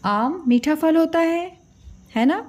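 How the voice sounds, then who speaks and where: Woman teacher for a kids' alphabet lesson, very slow and patient, mellow tone, repeats sounds, drops in English drawing words. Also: extremely high pitch. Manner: patient, repeats each sound and quizzes the children; mixes English drawing words into her talk. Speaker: Hindi teacher.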